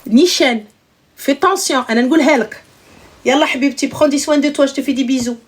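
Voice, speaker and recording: Femme animatrice, voix aiguë, franche, taquine, argot. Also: female voice, high-pitched, fairly quick. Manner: blunt, teasing, slangy. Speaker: live stream host. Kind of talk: casual live advice chat.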